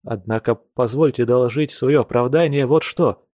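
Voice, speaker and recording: A man's voice: mid-range voice, normal speed, dark tone, no echo, natural voice. A man reading an audiobook, voicing an impulsive, eager young man who pleads his case. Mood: pleading.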